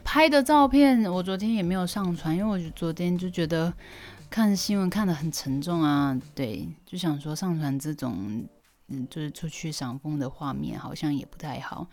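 A woman's voice: sits low, normal speed, darkish tone. A young woman hosting a casual solo podcast. She tells stories expressively, and her voice jumps up when she is surprised. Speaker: podcast host.

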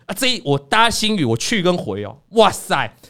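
A man hosting a casual chat, telling stories in an animated way and acting out scenes. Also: high-pitched, normal speed. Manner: animated storyteller, acts out scenes. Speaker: podcast host.

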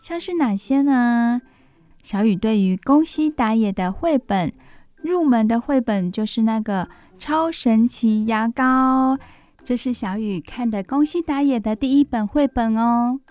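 A woman with a Taiwanese Mandarin accent hosting a children's radio storytime, speaking gently and simply as if reading to a toddler. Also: fairly high pitch, measured pace, dry recording, faint music behind. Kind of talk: children's radio presenting, talking to young listeners.

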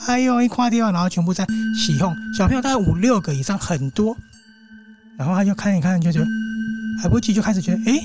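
Casual male host with a Taiwanese Mandarin accent, telling a ghost story in a chatty, animated way, music in the background. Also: a little high. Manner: chatty, animated, with asides to the audience.

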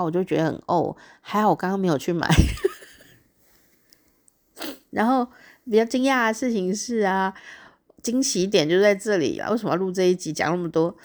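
A woman with a Taiwanese Mandarin accent telling a casual diary story, chatty and excitable, laughing often. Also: on the low side. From Taichung, Taiwan. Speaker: diary podcast host.

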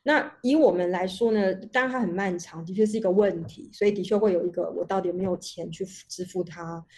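Guest researcher, female; mellow, husky tone; talks at length over a video call, circling back and rephrasing. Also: on the low side, fairly quick. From Taiwan. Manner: long reflective explanations with many restarts. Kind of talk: online panel talk.

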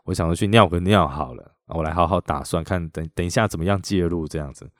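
A man's voice: deep voice, fast talker, a bit bright, dry recording, studio quality. A middle-aged man with a Taiwanese Mandarin accent, hosting a podcast and animatedly retelling a personal story in a chatty way. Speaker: podcast host.

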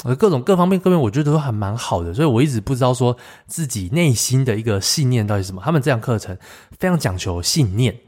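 A young adult man hosting a solo podcast, telling a personal story in a reflective way, often pausing and restarting his sentences. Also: medium pitch, animated, a little mellow. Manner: reflective, halting with many fillers and restarts. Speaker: podcast host.

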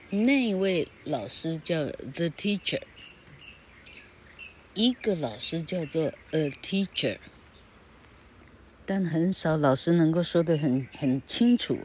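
A woman's voice: low voice, slight background noise. A woman teaching grammar in a casual, rambling way, spelling words out letter by letter. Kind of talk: casual spoken lesson.

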